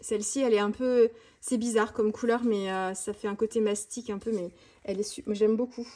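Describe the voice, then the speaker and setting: A woman vlogger chatting fast and casually about her art supplies, with many fillers and restarts. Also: medium pitch, fairly even intonation, warm tone. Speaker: mixed-media art vlogger. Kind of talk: casual tutorial chat showing art supplies.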